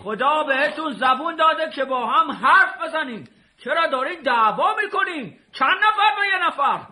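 A man's voice: extremely high pitch, lively intonation, heavily acted. A man doing rash young would-be hero Yar Mohammad. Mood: eager. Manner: boastful, shouting, groaning in pain. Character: eager young would-be strongman, rash and clumsy. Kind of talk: audio story for children.

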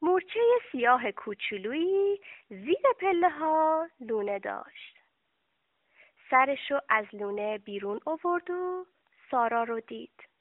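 Woman storyteller for children, animated, dry tinny recording. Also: high voice, no echo. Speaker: narrator. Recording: dry, tinny phone-like sound.

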